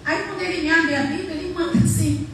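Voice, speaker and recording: A woman missionary preacher, telling her testimony in a sermon, acting out the dialogue and moving from soft to loud. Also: very high-pitched, steady tone, quick pace, slight background noise. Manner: emotional storytelling, acts out dialogue, swings from soft to loud. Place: church hall. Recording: echoey church hall from far off.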